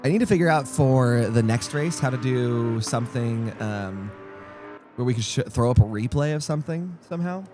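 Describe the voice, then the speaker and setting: A man's voice: mid-range voice, animated, moderate pace, darkish tone, faint music behind. A young man rambling through casual live-stream commentary on a sim race, jokey and easily distracted. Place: home streaming setup.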